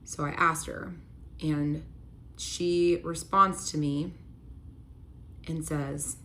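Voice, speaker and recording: A woman's voice: deep voice, fairly even intonation, very slow, a bit bright. A woman vlogger telling a personal story in a candid, earnest and emotional way, often saying "like". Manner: earnest, emotional, heavy use of "like".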